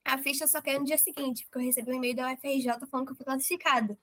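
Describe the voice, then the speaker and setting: High-voiced young woman telling a story. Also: racing. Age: young adult. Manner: animated, quotes herself and others in lively voices. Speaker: approved medical student guest. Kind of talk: casual interview storytelling.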